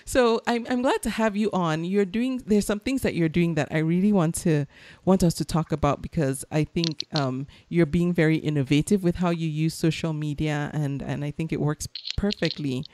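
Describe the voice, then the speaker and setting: A woman's voice: sits low, moderate pace, darkish tone, dry recording. A woman from Nigeria hosting a podcast, chatting casually with a guest and laughing often. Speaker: podcast host. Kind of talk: casual interview chat.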